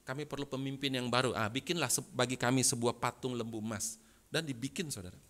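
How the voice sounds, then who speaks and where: A man preaching a sermon as pastor, swinging from loud bursts to soft asides and often addressing the congregation directly. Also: mid-range voice, fast. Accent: Indonesian.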